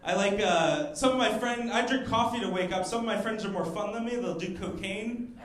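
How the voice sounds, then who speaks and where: A young man doing a stand-up comedy set on a club stage, mixing crowd work and quick asides, speaking into a handheld mic. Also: high voice, fairly bright tone, a little hiss or hum. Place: comedy club stage before a live audience. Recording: roomy live club sound with audience laughter.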